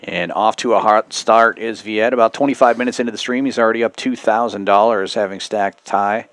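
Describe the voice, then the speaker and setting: A man with a lowish voice hosts a poker broadcast. He calls the action and chats casually with his commentary partner. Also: fairly even intonation, a little fast, fairly bright tone, no echo. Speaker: stream host and poker commentator.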